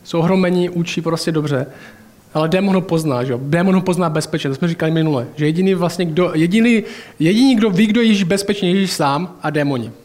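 Chatty man preaching, slightly high voice. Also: a little mellow. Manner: colloquial and chatty, with personal anecdotes and asides. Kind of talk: sermon.

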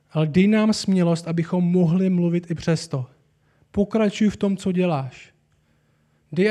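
High-voiced earnest male preacher. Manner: earnest, rising to animated emphasis. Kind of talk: sermon.

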